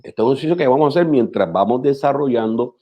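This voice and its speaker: A man, a pastor teaching preachers in a measured, instructive radio talk who repeats phrases for emphasis. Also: medium pitch, lively intonation, warm tone.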